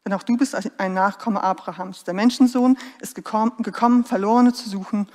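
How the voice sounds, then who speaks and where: Jesus, a woman reading a calm, gentle teacher. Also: medium pitch, brisk, big-room sound, natural voice.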